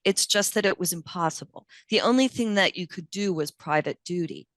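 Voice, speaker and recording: A woman's voice: fairly low pitch, fairly quick, no room sound. A woman in her fifties, a nurse and guest, reminiscing thoughtfully in a casual interview and thinking aloud as she goes. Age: 50s.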